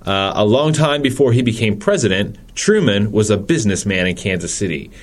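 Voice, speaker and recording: A man hosting a museum podcast, speaking in a clear presenter's way as an assistant curator. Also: on the low side, lively intonation, brisk. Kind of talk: scripted intro and casual interview.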